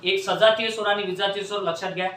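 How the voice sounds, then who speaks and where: Fast-talking male teacher, echoey classroom. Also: high voice, fairly even intonation, fairly bright tone, distant mic, slight background noise. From Maharashtra, India. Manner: repetitive questioning, prompts students to answer back. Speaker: Marathi grammar teacher. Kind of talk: classroom lecture with call-and-response.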